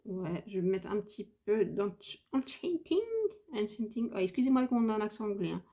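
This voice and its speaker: A woman's voice: medium pitch, quick pace, warm tone, dull audio. Chatty hesitant French woman vlogger. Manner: chatty, hesitant, thinks aloud with many fillers. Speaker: beauty vlogger. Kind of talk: casual makeup tutorial chat.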